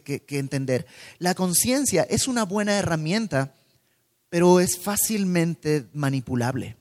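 A man preaching a sermon in a calm teaching tone, posing rhetorical questions to his listeners. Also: high voice. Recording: long hall reverb.

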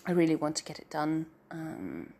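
A middle-aged woman, a writer and story narrator, gives a personal update in a low-pitched, dark, nasal voice that sounds stuffy, speaking at normal speed and very animatedly. She meanders, puts herself down, and trails off into filler.

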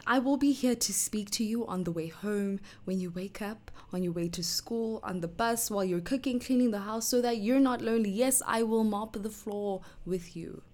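A woman hosting her own podcast in an upbeat, chatty way. Her pitch sits in a plain middle range, and now and then she drops to an almost whispered aside. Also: fairly quick, hardly any pauses, a little mellow. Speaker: podcast host. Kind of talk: solo podcast chat.

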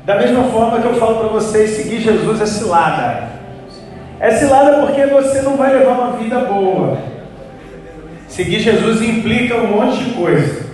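A man preaching a lively, joking, storytelling sermon. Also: high-pitched. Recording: echoey church hall, far mic, faint music.

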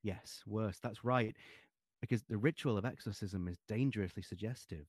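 A man voicing a calm priest who is also a psychiatrist, speaking in a soothing, measured way, in a dramatic reading of a novel excerpt. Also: fairly low pitch, slightly rough, no room sound, studio quality.

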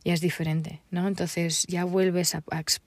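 Gentle, gravelly-voiced woman coach. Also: on the low side, level tone, a little slow, dry recording. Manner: gentle, hesitant, with frequent "right?" tags. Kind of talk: reflective talk on emotional healing.

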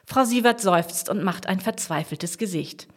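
A woman narrating a children's story aloud in an expressive storytelling manner. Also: mid-range voice, a little slow.

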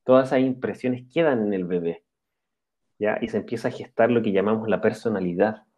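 Mellow low-voiced man giving a spiritual talk. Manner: checks in with a questioning "ya" tag; calm, explanatory, pauses with "eh". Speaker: spiritual speaker. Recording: dull lo-fi recording.

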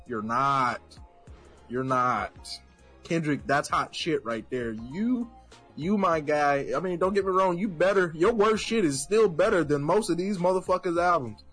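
Blunt ranting young man, husky. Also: fairly high pitch, a little slow, fairly bright tone, soft background music. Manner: blunt, ranting, repeats himself for emphasis. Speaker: podcast co-host. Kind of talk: casual opinionated chat.

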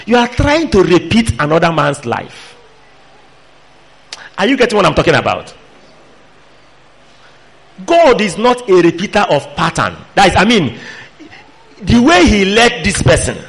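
A man with a Nigerian accent preaching a sermon, emphatic and admonishing, putting pointed questions to his listeners. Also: sits high. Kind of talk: sermon to a fellowship.

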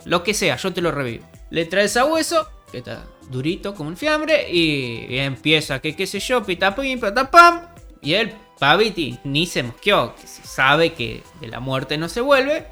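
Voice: mid-range voice, wildly swooping pitch, measured pace, bright, forceful tone, soft background music. Slangy storyteller with a Rioplatense accent. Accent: Rioplatense Spanish. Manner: slangy, joking, with frequent restarts and laughter. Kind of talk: casual retelling of a tale.

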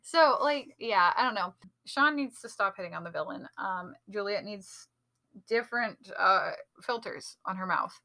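Bright-voiced chatty woman podcaster. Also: mid-range voice, moderate pace, creaky. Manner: chatty, analytical, many fillers like "like" and "um". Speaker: podcast co-host. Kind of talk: casual chat reviewing a TV episode.

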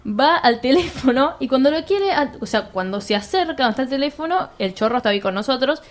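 A young woman with a Rioplatense Argentine accent, telling a chaotic story among friends. Her voice sits a little high and swings wide as she acts out each person in it, her speech full of slang and quick laughter. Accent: Rioplatense Argentine Spanish. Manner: animated, slangy, laughs often, acts out quoted lines. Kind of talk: casual chat, telling an anecdote.

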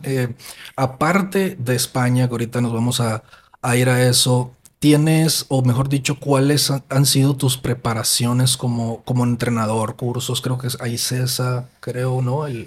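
A man hosts a relaxed football podcast. He talks in an easygoing way, circling back with fillers and repeated words as he sets up his questions. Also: medium pitch, normal speed. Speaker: podcast host. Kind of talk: casual chat.

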